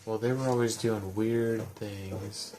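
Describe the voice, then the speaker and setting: A man's voice: lowish voice, steady tone, slow pace, darkish tone. A man streaming a video game live, giving casual, rambling commentary and reading the player's dialogue lines aloud, with faint hiss behind him.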